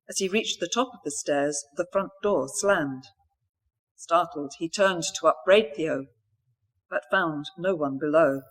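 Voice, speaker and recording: A woman author reading a mystery novel aloud in a steady, even storytelling manner. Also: sits low, husky.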